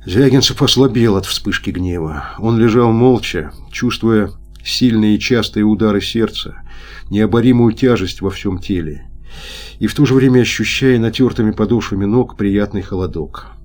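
A man reading literary prose aloud in a measured, even manner. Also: lowish voice. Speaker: audiobook reader. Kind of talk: scripted literary narration.

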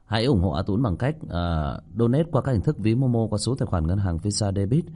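A man tells a ghost story in a deep, low voice with a husky, slightly rough edge. His tone is mellow and dark, while his pitch moves a lot as he narrates. He reads it like a serialized audiobook. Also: brisk. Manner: lively narration with voiced dialogue.

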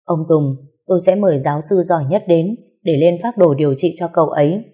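A woman voicing a middle-aged male doctor who speaks in a measured, matter-of-fact way in a storybook reading. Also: fairly low pitch, dark tone, slightly rough. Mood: calm.

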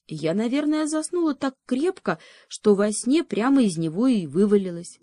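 A woman voicing a lost little female conscience in a storybook, gentle and puzzled, explaining herself patiently. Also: on the high side, big pitch swings, moderate pace, dry recording, clean studio sound, pitched above the performer's own voice. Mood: earnest.

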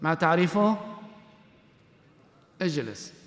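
A man teaching as a sheikh, quizzing students in class, brisk and commanding as he calls them up and questions them. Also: on the high side, lively intonation, fairly bright tone. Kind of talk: classroom quiz session. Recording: echoey hall with long reverb.

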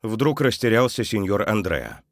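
A male storyteller with a low, deep voice reads a children's tale aloud. His delivery is expressive and grows softer at the sad moments, recorded close and dry. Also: a little slow, no room sound. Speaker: narrator.

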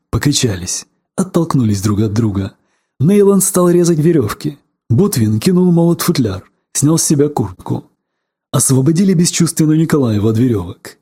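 A man's voice: mid-range voice, mellow, husky. A man reading a novel aloud in terse, clipped sentences, lightly voicing the characters' lines. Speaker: audiobook narrator. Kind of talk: scripted narration of a novel.

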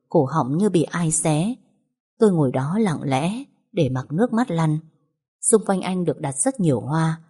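A woman reading a first-person story aloud in a slow, sorrowful way. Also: on the low side, warm tone, breathy edge. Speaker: audiobook narrator.

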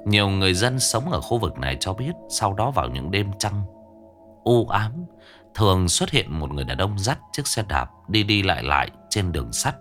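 A man's voice: low voice, very animated, moderate pace, fairly bright tone, faint music behind. A man narrating a ghost story in a tense, dramatic storytelling manner.

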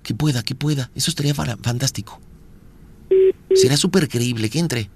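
A man's voice: medium pitch, moderate pace, background noise. A man with a Mexican accent hosting a radio prank show, playful and teasing, full of slang. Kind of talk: joking radio chat with a caller.

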